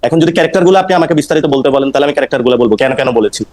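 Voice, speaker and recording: A man's voice: a little high, darkish tone, rough recording. A man from Noakhali, Bangladesh, a politician guest on a talk show, defending his earlier remarks in insistent, repetitive answers. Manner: rapid, insistent, repeats himself when explaining.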